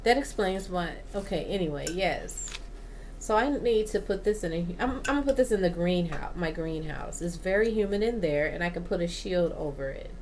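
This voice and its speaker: A woman hosting a plant channel, reading aloud from a houseplant book in a halting way, stopping to correct herself and add her own comments. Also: on the low side, animated, darkish tone, a little hiss or hum, poor audio.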